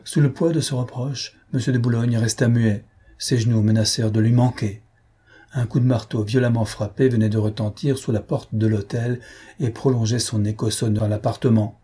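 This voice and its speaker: Male narrator for a classic novel, measured and dramatic, dark tone. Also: medium pitch, fairly even intonation, breathy edge. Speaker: audiobook narrator. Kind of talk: scripted narration.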